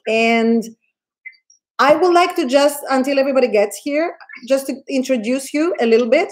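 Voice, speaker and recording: A gushing woman hosts a casual live online interview, speaking at a moderate pace in a high voice. Greek is her first language, and she comes across as effusive and enthusiastic, frequently restarting her sentences.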